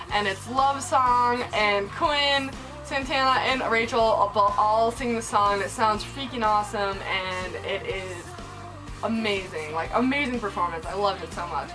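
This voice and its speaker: With a fairly high pitch, a young woman excitedly recaps a TV episode in casual chat, gushing and repeating "like" and "oh my god." The audio quality is poor.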